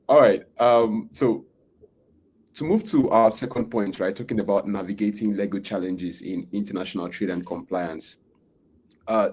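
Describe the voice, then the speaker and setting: In casual interview talk, a podcast host with a lowish, slightly mellow and slightly rough voice asks meandering questions. He leans on fillers and tag questions, with "right?" coming up again and again.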